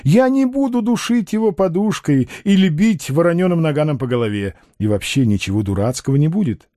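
A male reader voices a self-assured, ironic con man with grand eloquence, his delivery swinging widely in pitch with lively intonation. The voice is slightly high, mellow and warm, natural, and a little fast. The recording is dry and close with no room sound at all.

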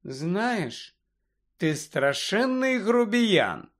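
Man doing dreamy odd teen girl, deadpan, calm, storybook, high voice. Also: unhurried. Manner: serene, deadpan.

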